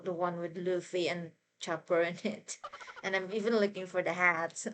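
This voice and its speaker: A woman with a slightly low voice talks casually to her viewers as a fan. She rambles informally and tells her stories expressively. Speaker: fan reaction vlogger.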